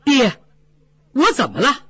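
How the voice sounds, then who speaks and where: A woman's voice: huge pitch swings, slow pace, sharp tone, slightly rough, no room sound, lo-fi sound, full character voice. A woman voicing a pleading young nobleman son. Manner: high, pleading, nervous evasive.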